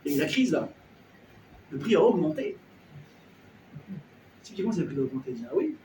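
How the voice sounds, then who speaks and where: A man's voice: a little high, brisk, a little hiss or hum. A man, a rabbi, telling a story as a sermon in casual slang, acting out the people in it. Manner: lively storyteller acting out characters, colloquial. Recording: echoey room, voice a bit far from the mic.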